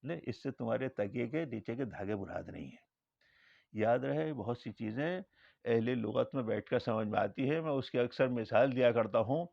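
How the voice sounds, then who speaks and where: A man speaking as an Islamic scholar gives a religious lecture, telling anecdotes and acting out the dialogue in quoted lines. His mid-range voice is creaky and a little mellow, with no room sound, and the recording is dull and lo-fi.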